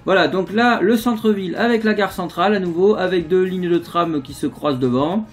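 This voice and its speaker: A man's voice: high voice, a little fast. A man giving a casual, rambling walkthrough of his city-building game, full of fillers and restarts. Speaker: let's play host. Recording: faint background music.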